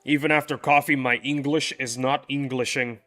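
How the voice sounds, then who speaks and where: A young game streamer casually chats with his viewers, frequently starting his sentences over. He speaks at a normal speed in a mid-range, fairly bright voice with fairly even intonation, and faint music plays behind him.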